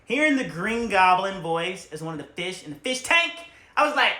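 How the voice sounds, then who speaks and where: A young man doing a comedic movie ranking, animated and jumping into loud, high shouted bits. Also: moderate pace, echoey room. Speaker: movie reviewer.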